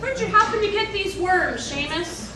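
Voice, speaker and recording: A woman's voice: extremely high pitch, lively intonation, moderate pace, bright, forceful tone. A woman playing a mock-earnest radio host giving advice in an improv comedy sketch. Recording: echoey stage, far from mic, noise.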